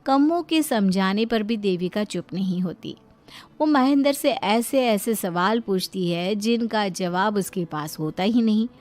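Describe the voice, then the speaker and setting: A woman's voice: mid-range voice, expressive, measured pace, darkish tone, a little hiss or hum. A woman narrator reading a scripted moral story in a dramatic storytelling style.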